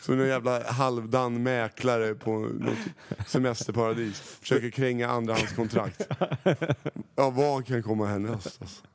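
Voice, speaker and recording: A man's voice: medium pitch, fairly even intonation. A man co-hosting a podcast in casual chat, joking and mocking himself, speaking into a handheld mic. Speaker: podcast co-host. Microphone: handheld microphone.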